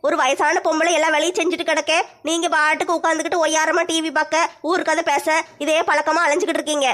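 A woman's voice: sits high, flat delivery, quick pace, fairly bright tone. A woman playing a nagging, scolding elderly mother-in-law in a comedy skit. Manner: scolding, complaining.

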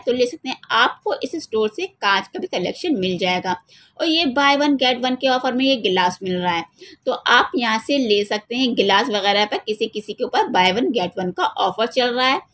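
A somewhat high-pitched woman walks viewers through the shelves of a large store. She holds the phone herself and reads out price after price in a friendly, even, routine-like voice. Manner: repetitive price listing, addresses viewers as friends. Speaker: shopping vlogger. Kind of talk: casual product walkthrough. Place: indoors, large retail store.

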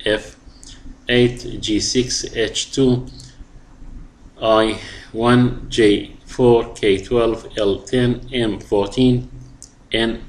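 A middle-aged man with an Iraqi Arabic accent teaching a lesson. He reads English phrases slowly and deliberately, then explains them. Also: fairly low pitch, slight background noise. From Iraq.

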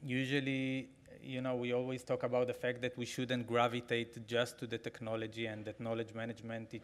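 A man's voice: mid-range voice, fairly quick. A man in his forties at a podium mic in a large conference hall, giving a conversational keynote with frequent fillers. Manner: conversational, animated, frequent fillers, gestures while talking. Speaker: keynote speaker. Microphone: podium microphone.

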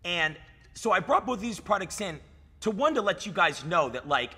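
A man's voice: high voice, very animated, normal speed, bright, forceful tone, slightly rough. A man in his thirties, a fitness coach talking in a casual podcast chat, hyped and swearing, saying "dude" and "like" a lot, recorded in a gym lounge. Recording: reverberant gym room.

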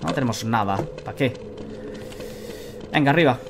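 A let's play host in his thirties with an accent from Spain gives casual, colloquial commentary while gaming, muttering to himself and viewers. His mid-range voice is expressive and gravelly at normal speed. He sits indoors at a computer on webcam, with music and noisy game sound behind him.

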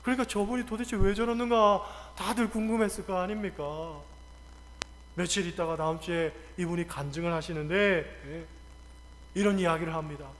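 Male pastor preaching with theatrical flair, very high voice, long reverb in a church sanctuary. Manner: dramatic storytelling with acted quotes and shouts. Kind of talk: sermon.

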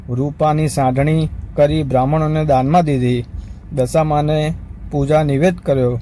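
A man narrating a devotional folk story in an even, unhurried recitation. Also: on the high side, slight background noise, rough recording.

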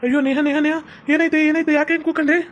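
A woman's voice: high voice, flat delivery, rapid-fire, slight background noise, close to an everyday voice. A woman playing a broke young village husband who whines and pleads, with a North Karnataka Kannada accent. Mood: grumbling. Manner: whiny pleading.

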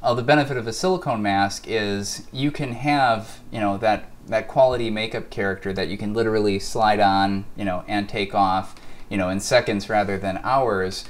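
A man's voice: lowish voice, fairly even intonation, normal speed. A man who owns a mask company, explaining his products in an interview with many fillers, recorded in a workshop showroom by a camera mic. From Wisconsin. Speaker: mask company owner and artist.

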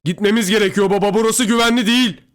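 A man's voice: fairly high pitch, expressive, quick pace, darkish tone, voice pushed up, lightly acted. A man voicing a scared young man speaking urgently in a horror story. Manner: urgent, tense.

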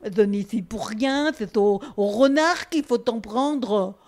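A woman's voice: a little high, slow pace, a little mellow. A woman voicing a wounded male boar from a storybook, protesting and plaintively recounting his woes. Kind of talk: storybook reading aloud.

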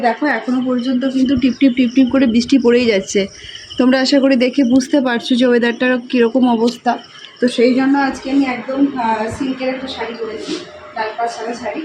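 A woman vlogging casually and talking straight to her viewers, filming on a handheld camera at home and outdoors at a temple. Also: sits high. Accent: Bengali. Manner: chatty, talks straight to viewers. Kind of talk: casual vlog narration. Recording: noisy outdoor sound, rain and traffic.

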